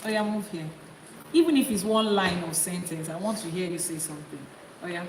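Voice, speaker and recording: Speaking fairly quickly in a fairly low voice, a woman acting as an Ifá priestess instructs her livestream viewers, drawing them in with repeated questions. She slips into rhythmic, rising chants in long litanies of invocation, recorded in a reverberant, echoey room with background noise.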